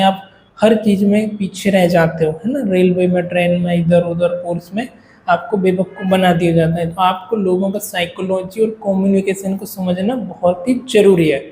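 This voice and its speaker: A man teaches a lecture step by step, checking in with the class and frequently dropping "है ना" into his Hinglish. His voice is high and a little mellow. The room is echoey, with faint ambience and slight background noise.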